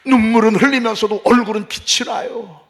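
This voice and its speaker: A man preaching a sermon as pastor, passionate, moving from hushed talk to loud outbursts. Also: high voice, fairly even intonation, a little fast. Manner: impassioned, swings from hushed to shouting.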